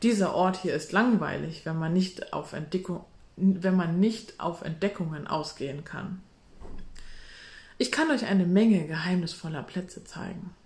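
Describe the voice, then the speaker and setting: A woman's voice: fairly low pitch, a little slow, a little mellow. Cheeky schoolboy, read by a woman, eager and bold, storybook, roomy sound. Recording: roomy echo.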